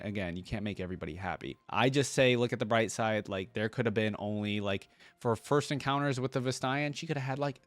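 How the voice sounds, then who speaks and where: On a dry recording, a man with a lowish voice hosts a casual reaction video. He comments enthusiastically, repeating lines back and musing aloud on what he hears.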